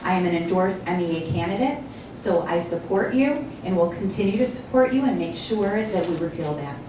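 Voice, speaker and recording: A woman, a candidate at a public forum, speaking in a steady, supportive way in a large echoey hall. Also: lowish voice, a little fast, background noise. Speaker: political candidate. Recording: echoey hall, heard from far off.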